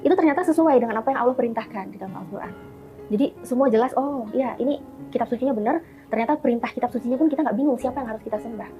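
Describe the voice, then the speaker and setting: A woman talks at a rapid clip in a casual interview, chatty and quick to act out the voices of her family. Her pitch runs slightly high. The sound is dull and lo-fi, with faint music underneath. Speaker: interview guest, convert.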